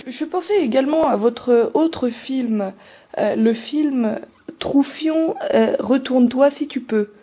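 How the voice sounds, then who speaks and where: A woman playing an earnest television culture interviewer in a parody, asking questions in a polite, hesitant, deadpan way. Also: high-pitched, slow. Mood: deadpan probing.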